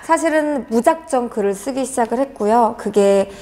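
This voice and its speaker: A woman's voice: on the high side, expressive, moderate pace, mellow. Earnest woman in her forties, echoey room. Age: 40s. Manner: earnest, hesitant with many fillers. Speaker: author being interviewed. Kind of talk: reflective interview answers.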